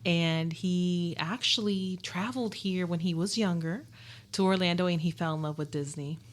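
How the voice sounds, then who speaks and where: A woman's voice: on the low side, moderate pace. A woman in her forties from Puerto Rico, a guest chatting casually on a podcast, playful and teasing. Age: 40s. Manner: playful, teasing, laughs easily. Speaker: podcast guest, host's wife.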